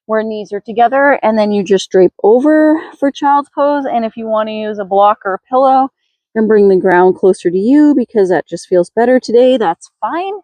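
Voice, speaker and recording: A woman yoga instructor leading a slow, gentle class in a careful, unhurried way. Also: on the high side, dry recording, low-quality recording.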